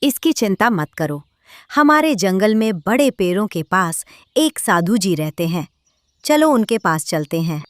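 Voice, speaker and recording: A woman acts out a greedy, envious male crow from a children's cartoon. The delivery is insistent and grumbling, swinging widely in pitch. The sound is dry, with no room around it. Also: very animated, a little slow, no echo. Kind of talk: children's cartoon story acting.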